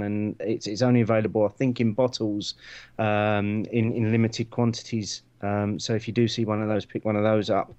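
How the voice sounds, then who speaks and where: A man with an Essex accent co-hosts a casual podcast chat. His voice is clear and smooth with little rise or fall. He feels his way through sentences, often repeating a word before carrying on. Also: fairly low pitch, darkish tone. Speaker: podcast co-host. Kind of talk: casual beer review chat.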